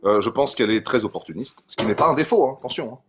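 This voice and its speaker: A man's voice: mid-range voice, expressive, racing, noisy background. A man in a casual online debate, talking argumentatively and restating his points with emphasis and repeated words.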